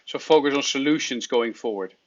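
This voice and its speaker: A man informally leading a class discussion as facilitator, encouraging and quick to acknowledge people's answers. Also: medium pitch. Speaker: course facilitator. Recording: dull, lo-fi call audio.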